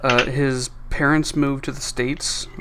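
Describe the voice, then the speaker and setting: A man's voice: medium pitch, flat delivery, slow, heavy background noise. A man chatting casually with a friend on a stream, often stammering as he tells stories.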